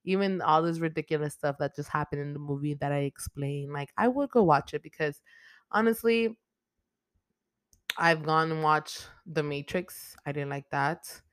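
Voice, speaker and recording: Brief: young woman host, low voice, dry close sound, swearing constantly, animated movie recap. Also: normal speed, clear, resonant tone, no room sound. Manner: profane, animated retelling with frequent "like". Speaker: podcast host. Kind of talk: casual movie recap podcast.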